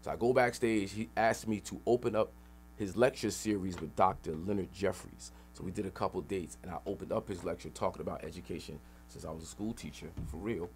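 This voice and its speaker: Telling animated stories as a radio interview guest, this middle-aged rapper and activist sounds emphatic, slangy and streetwise. He speaks fairly quickly with a low voice and fairly even intonation, and there's a little hiss or hum in the audio.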